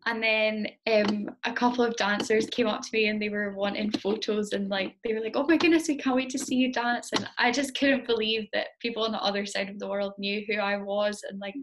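Chatty young woman with flat intonation. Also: medium pitch. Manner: chatty, many ums, self-deprecating laughs. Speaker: interview guest, competitive Highland dancer. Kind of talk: casual interview answers.

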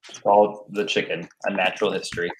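A man's voice: low-pitched, little pitch movement, fast, a little hiss or hum, poor audio. A man in his twenties adding facts in a casual home livestream over a webcam, matter-of-fact. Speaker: co-host. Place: living room at home, indoors. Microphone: webcam at desk distance.

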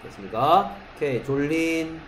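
A man teaching an English lesson in a classroom, checking often whether students follow and reading example sentences out slowly. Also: on the high side, fairly bright tone, slight background noise, rough recording. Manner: keeps checking understanding with short questions.

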